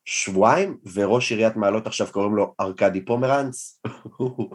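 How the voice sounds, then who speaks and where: A young man, a guest comedian, tells an anecdote in a casual, self-deprecating and animated way. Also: on the low side. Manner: animated, self-deprecating storyteller who acts out quotes. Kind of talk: casual storytelling in a podcast interview.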